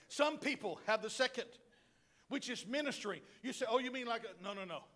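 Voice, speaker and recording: A middle-aged male pastor preaching a sermon in a church, animated and joking, with asides to the congregation. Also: sits high. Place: church sanctuary.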